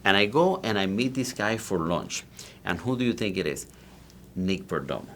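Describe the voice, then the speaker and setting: A Cuban cigar maker in his forties, a native Spanish speaker with a Cuban Spanish accent, tells his story as a guest in a casual interview. He's animated and restarts often, speaking at a moderate pace in a low voice, with a little hiss or hum in the recording.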